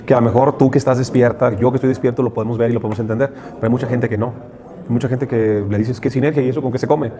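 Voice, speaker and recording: A man with a Mexican accent, a guest in a conversational interview, explains things in a motivational, emphatic way, repeating rhetorical questions and running through lists. His medium-pitched voice stays steady and rapid-fire, with clear crowd chatter behind him.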